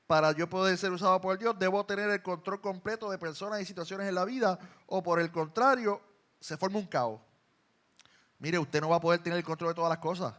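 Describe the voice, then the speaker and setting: A man with a Puerto Rican accent preaching a sermon in a church, moving between quiet asides and loud, emphatic lines. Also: sits high. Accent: Puerto Rican Spanish. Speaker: pastor.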